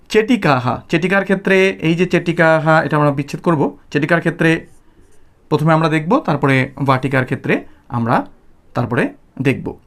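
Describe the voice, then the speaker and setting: বাংলা টানের এক পুরুষ শিক্ষক, ক্লাস-লেকচারের ঢঙে ধৈর্য ধরে বোঝাচ্ছেন, শব্দ ভেঙে ভেঙে ধীরে বারবার বলছেন।. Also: male voice, a little high. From Bengal, India. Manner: patient, repeats and breaks words apart slowly. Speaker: Sanskrit teacher. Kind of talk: explanatory class lecture.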